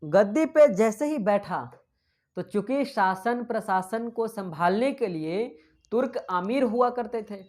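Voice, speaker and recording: A woman's voice: mid-range voice, animated, measured pace, darkish tone. A woman giving an exam-prep history lecture, dictating notes and asking and answering her own questions in a chatty way with English terms mixed in. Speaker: history teacher.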